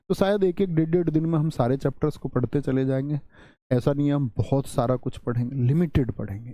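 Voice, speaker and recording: A man teaches a live online Hindi grammar lesson in a very dark, mellow voice. He says his example sentences slowly, stressing and repeating them, and keeps putting questions to the students. The sound is dry and close to the mic. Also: mid-range voice, no echo. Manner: asks the viewers questions and answers them himself. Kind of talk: live online exam-prep class.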